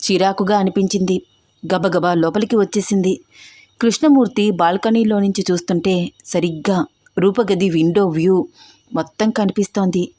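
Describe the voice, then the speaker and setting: Female story narrator, steady and even, dry close-miked sound. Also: mid-range voice, moderate pace, no echo.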